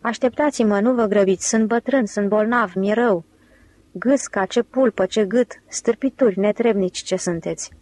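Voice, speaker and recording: A woman's voice: darkish tone, natural voice. Woman voicing a whiny old swindler man. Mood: whining. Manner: shrill, complaining. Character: whiny old male swindler, cowardly, self-pitying.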